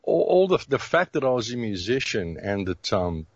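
A man's voice: mid-range voice, big pitch swings, moderate pace, husky, no room sound, dull audio. A middle-aged Australian man, a radio host, telling his story in a casual interview with many restarts and fillers.

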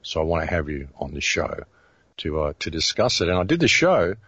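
Australian man, middle-aged, very low voice, slightly husky, halting earnest storytelling, dry muffled recording. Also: very animated, a bit bright, no room sound. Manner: halting, many restarts and fillers, earnest. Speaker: radio host being interviewed. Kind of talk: casual interview storytelling.

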